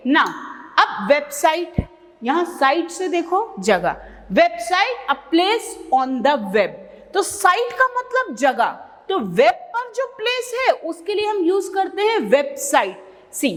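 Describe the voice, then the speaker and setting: High, lively woman teaching slowly. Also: long reverb tail. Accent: Indian English. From India. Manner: slow, carefully stressed explanations mixed with quick asides. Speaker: English teacher. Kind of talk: bilingual classroom lesson.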